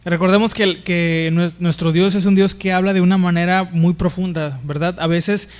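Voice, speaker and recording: High-voiced Mexican pastor teaching. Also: male voice, fairly even intonation, moderate pace, a little mellow, clean tone. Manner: conversational, many restarts and tag questions. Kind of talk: Bible teaching sermon.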